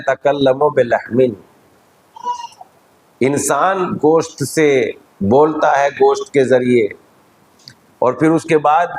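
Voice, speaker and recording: A man with an Indian Urdu accent, a cleric giving a measured, teacherly religious lecture at a majlis. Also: a little high, rough recording.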